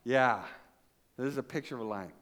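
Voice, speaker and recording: This Canadian pastor has a mid-range, brisk voice. Preaching to a congregation of children and adults, he tells a story with animated flair, acting out voices and putting questions to the crowd.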